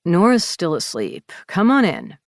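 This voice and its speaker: Woman reading as gruff man, blunt, teasing, audiobook, low voice. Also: wildly swooping pitch, unhurried, dry recording, studio quality, heavily acted. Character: gruff grumpy man woken early.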